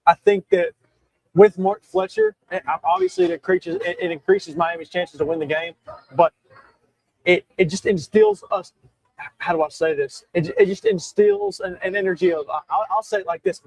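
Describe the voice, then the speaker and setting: Young guy ranting about college football, high voice that jumps all over, dry close sound, keeps restarting, has hiccups. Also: normal speed, vocal fry, no echo, low-quality recording. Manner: animated, emphatic, frequent restarts and self-corrections. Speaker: show host. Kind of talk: solo sports talk.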